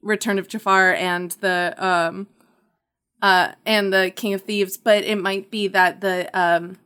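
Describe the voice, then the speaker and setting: A woman's voice: medium pitch, fairly even intonation, takes it slowly, a bit bright, clean tone. Enthusiastic woman in podcast chat. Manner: enthusiastic, searching for words. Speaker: podcast co-host.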